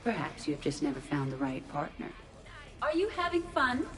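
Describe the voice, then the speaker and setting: A woman's voice: low voice, normal speed, faint music behind. A woman playing a polite, dryly teasing artificial intelligence in a video game, speaking formally and precisely. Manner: formal, precise phrasing, deadpan.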